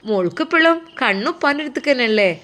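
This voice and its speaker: A woman's voice: sits high, expressive, fast, a bit bright, a little hiss or hum, pitched above the performer's own voice. A woman voicing a firm, motherly older woman. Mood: firm, kind.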